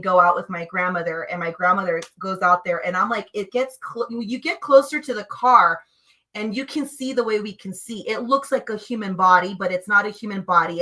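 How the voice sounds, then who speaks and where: A woman with a bright, forward voice tells personal stories to a host. Her delivery is animated and emphatic, dropping low and quiet, then jumping up loud. It sounds like a casual, conversational podcast. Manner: animated, emphatic, swings between hushed and loud. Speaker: guest sharing spiritual experiences. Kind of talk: conversational storytelling.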